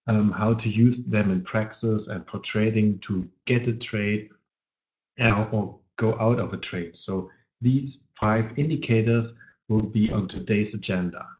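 A man who is not a native English speaker presents a live trading webinar, talking haltingly and searching for words while he has a cold. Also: lowish voice, darkish tone. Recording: dull lo-fi webinar audio.

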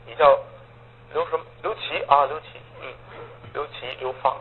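A man voicing a warm-hearted, fatherly old man who talks gently and coaxingly. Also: medium pitch, fairly even intonation, normal speed, slightly rough, lightly acted. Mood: kindly. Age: older. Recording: tinny phone-like audio, faint hiss.

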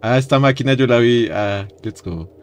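A young man streaming a horror game, jumpy and loud, yelping in fright, chanting phrases over and over and laughing often. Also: medium pitch, normal speed, clean tone. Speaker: gaming streamer. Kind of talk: let's-play game commentary.

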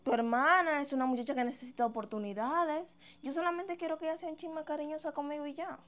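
A woman's voice: sits high, quick pace, a bit bright. A woman playing a scheming pregnant wife who sweet-talks her husband and flirts with his sister. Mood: coaxing. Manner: sweet-talking, manipulative. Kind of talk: amateur web drama acting.

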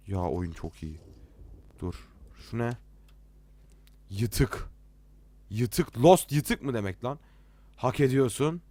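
A man's voice: medium pitch, big pitch swings, slow pace, long pauses, mellow, dry recording. A young man commenting as he plays a horror game, nervous and jittery, joking and swearing at every scare. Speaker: let's play gamer.

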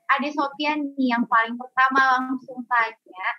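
High-voiced woman moderating a workshop call. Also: steady tone, measured pace, muffled recording. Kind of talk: moderating, reading questions. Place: online video call.

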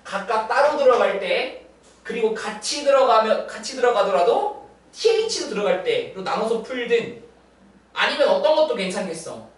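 A woman's voice: fairly high pitch, big pitch swings, moderate pace. A young woman tutors math one-on-one, her voice swinging up and down animatedly as she checks in with the student after every step. She sounds set back from the mic in a very echoey room. A faint hiss runs underneath. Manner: checks understanding with constant tag questions. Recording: roomy distant mic with faint noise.

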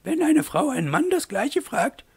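A man voicing an older woman, a former nurse, who gently chides in a high voice for an audiobook. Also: very animated, normal speed, vocal fry, heavily acted. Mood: indignant. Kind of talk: audiobook reading.

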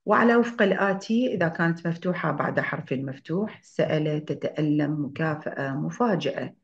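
Woman lecturer, very low voice, muffled lo-fi audio, explanatory, lists example words, hesitant fillers. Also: lively intonation. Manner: slow, explanatory, reads example words one by one; frequent hesitation sounds and self-corrections. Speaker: university lecturer. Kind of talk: online grammar lecture.

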